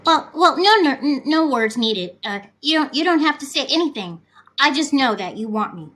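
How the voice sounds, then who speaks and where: A woman's voice: high voice, animated, normal speed, fairly bright tone. A woman voicing a conceited, flirtatious congresswoman as a hesitant guest in a comic parody interview. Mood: smug, insistent.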